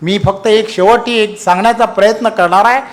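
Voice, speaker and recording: A man's voice: high-pitched, steady tone, brisk. A man with a Marathi accent giving an emphatic campaign speech to party workers, building up on repeated phrases. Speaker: political rally speaker.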